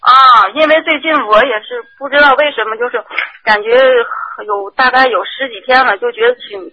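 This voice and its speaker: A man calling in to a radio show, describing a dream in halting, hesitant speech. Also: very high voice, dull audio. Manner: halting, searching for words. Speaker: caller.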